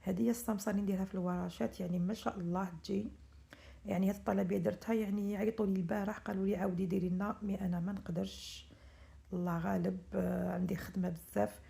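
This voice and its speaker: Soft-spoken gravelly Algerian woman cook. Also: mid-range voice, fairly even intonation, rapid-fire. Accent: Algerian Arabic. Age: middle-aged. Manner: speaks softly, often half-whispering early in the morning; chatty, instructive, switches into French words. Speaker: home cook selling pastries to order. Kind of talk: cooking tutorial narration.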